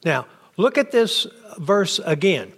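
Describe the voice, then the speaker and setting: A man's voice: high voice, sing-song, slow, a bit bright, breathy edge. A man teaching a bible class, firing off questions and answering them himself. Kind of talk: interactive bible class lecture.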